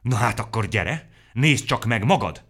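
A man voicing a hot-headed, dramatic rabbit who shouts theatrically in a storybook reading. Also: mid-range voice, pitched above the performer's own voice. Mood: indignant.

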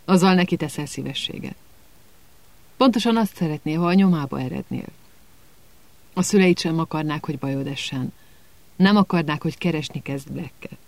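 A man's voice: fairly high pitch, vocal fry, long pauses, darkish tone, no room sound. A man voicing an anxious, earnest teenage girl in a storybook reading, pleading and worried.

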